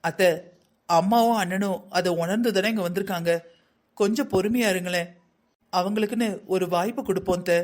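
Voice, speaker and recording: A man voicing a calm young brother in a cartoon family drama, reasoning patiently with his family. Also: sits high, brisk, lightly acted. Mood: gentle.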